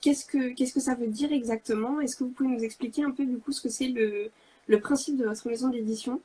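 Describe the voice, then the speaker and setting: A woman's voice: on the high side, fairly even intonation, fairly quick, warm tone, husky. A woman hosting a live video interview, asking polite, hesitant questions. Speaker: host.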